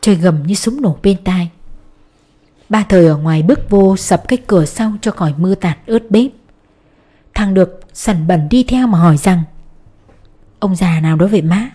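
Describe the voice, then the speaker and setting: A woman narrating a novel audiobook in a steady storytelling voice. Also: medium pitch, moderate pace. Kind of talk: scripted narration.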